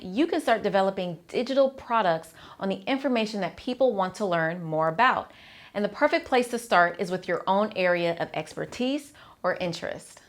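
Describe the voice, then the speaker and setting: A woman accountant hosting her channel, giving an upbeat, direct, scripted explainer and speaking straight to the viewer. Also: medium pitch.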